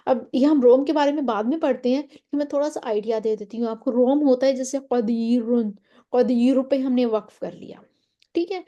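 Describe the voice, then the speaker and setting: A woman's voice: sits high, mellow, lo-fi sound. A woman teaching a Quran recitation lesson, explaining step by step and often checking that her listeners follow. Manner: draws out Quranic example words slowly.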